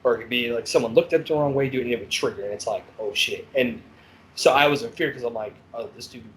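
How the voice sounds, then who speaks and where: A man on a podcast telling stories of his years as a corrections officer, in a blunt, profane, animated way. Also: mid-range voice, fast talker, slight background noise, low-quality recording. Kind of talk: casual storytelling chat.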